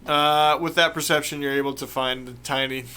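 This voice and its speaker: Casting: male game master, fairly high forceful voice, casual tabletop narration. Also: steady tone, moderate pace, clean tone. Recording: faint background noise.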